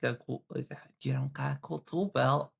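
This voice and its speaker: Her bass voice is creaky with a breathy edge, holding fairly even intonation at normal speed. As a tabletop RPG player, she improvises relaxed in-character chat, sounding flippant, slangy and unsure.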